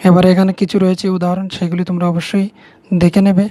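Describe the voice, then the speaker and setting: A woman's voice: lowish voice, level tone, fast talker, warm tone. A woman with a Bengali accent, patiently explaining English grammar to students step by step, repeating key words. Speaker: teacher.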